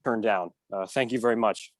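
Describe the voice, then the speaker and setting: A man calling in to give public comment, his call audio choppy with volume cutting in and out, speaking haltingly with many fillers. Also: on the low side, no echo. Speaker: public commenter calling in to a city council meeting. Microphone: remote call-in line.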